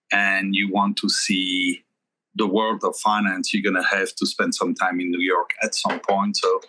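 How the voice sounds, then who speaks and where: Middle-aged guy from belgium, bright lowish voice, explains slow and careful, pauses a lot. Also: poor audio. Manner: measured, explanatory, pauses mid-sentence. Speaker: guest, investment firm founder. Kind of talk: conversational interview answers.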